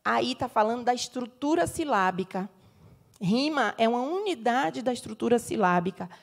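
A woman's voice: a little high, animated, moderate pace, gravelly. A middle-aged Brazilian woman, a professor giving an academic lecture, explaining step by step and checking in with the audience with tag questions. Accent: Brazilian Portuguese. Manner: explanatory, frequent tag questions, gives sung examples.

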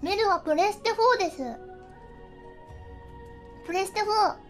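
A woman streaming a fighting game, chatting casually, often laughing and yelping excitedly as she plays, with game music behind her. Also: extremely high pitch, moderate pace. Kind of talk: casual game livestream chat.

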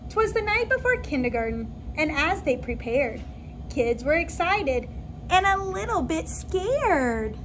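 A woman in her forties, a kindergarten teacher, reading a storybook aloud to young children in an expressive, animated way. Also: high-pitched, a little slow, slight background noise. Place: indoor classroom.

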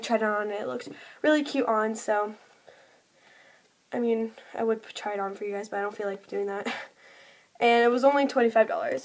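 A young woman vlogging at home, chatting casually about her shopping haul, with lots of "like" and little giggly asides. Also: fairly high pitch.

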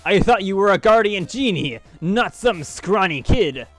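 A man's voice: high voice, lively intonation, a little slow, a bit bright, dry recording, faint music behind, pitched above the performer's own voice, heavily acted. A man doing a taunting female pirate captain in a put-on pirate voice while playing a video game. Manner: drawling mock pirate voice.

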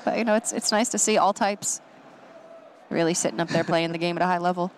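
A male color commentator talks up the players with enthusiasm and encouragement. His voice lifts as he gets excited about bold plays. Faint background noise sits under the mic. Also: high-pitched, fast. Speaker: tournament co-commentator.

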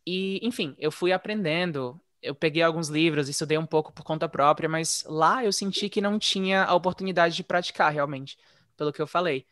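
A man telling his story in a relaxed, chatty way, as a guest in a casual interview. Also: a little high, fairly quick, dry recording, clean studio sound. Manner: relaxed, chatty, frequent "né?" tags. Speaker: interview guest, former English teacher living abroad.

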